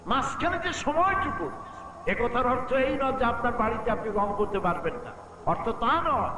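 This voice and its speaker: High-voiced preacher, echoey and noisy. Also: male voice, expressive, normal speed. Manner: rhetorical questions to the crowd, chants Quran verses. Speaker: Islamic preacher. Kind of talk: Bengali waz sermon.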